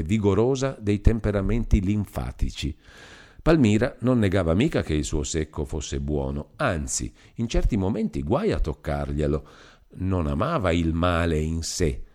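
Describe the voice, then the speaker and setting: A man narrating a classic novel in full, measured and expressive. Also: sits low. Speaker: audiobook reader. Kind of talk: literary audiobook narration.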